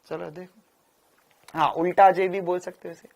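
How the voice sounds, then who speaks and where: A man's voice: high voice, little pitch movement, moderate pace, creaky, a little mellow. A man from India teaching physics in a lecture style. He is playful and repeats phrases in a rhythmic way.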